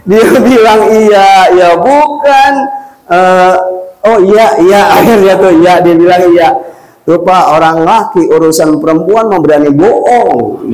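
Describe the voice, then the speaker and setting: A man preaching a sermon, telling a funny story in a joking, lively way. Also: high voice, a little slow. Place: prayer room. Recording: echoey prayer room.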